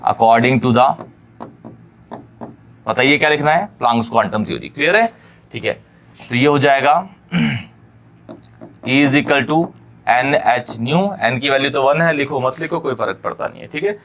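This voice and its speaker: A male chemistry teacher giving an exam-prep lecture, often checking that students follow and repeating key phrases slowly for them to note down. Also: medium pitch, vocal fry, a bit bright. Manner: keeps checking understanding, addresses students fondly.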